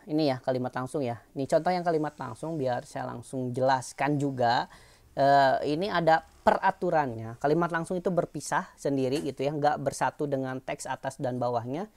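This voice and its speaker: A woman's voice: very deep voice, darkish tone. A woman teacher giving an online lesson, explaining patiently in a chatty way with fillers and tag questions.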